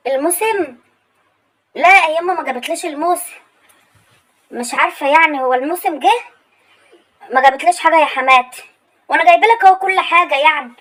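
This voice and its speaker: A woman's voice: sits high, fast, pauses often, fairly bright tone, rough recording. A woman playing a dutiful, patient young daughter-in-law with an Egyptian accent, answering meekly and obligingly in a comedy sketch. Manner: meek, obliging replies.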